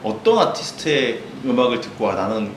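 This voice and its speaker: A relaxed male co-host asks questions casually and laughs often. His pitch moves a lot. He sounds echoey, with clear background noise. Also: brisk. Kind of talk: casual interview chat.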